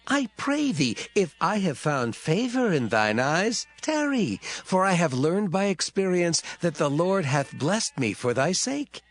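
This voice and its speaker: A man's voice: sits high, big pitch swings, a little slow, hardly any pauses, heavily acted. A man voicing Laban, a shrewd father-in-law, speaking in a coaxing, bargaining way. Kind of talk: dramatized scripture reading.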